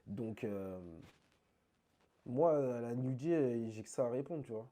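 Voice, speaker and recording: A man being interviewed about dance, talking in an animated, emphatic, slangy way. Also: medium pitch, a little slow. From France. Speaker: interview guest, krump dancer. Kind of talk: casual conversational interview.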